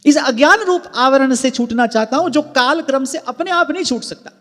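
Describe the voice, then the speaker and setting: Male devotional preacher, very high voice, slow, explanatory; long hall reverb with faint music behind. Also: fairly bright tone. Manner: earnest teaching, explains word emphasis with examples. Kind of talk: devotional discourse.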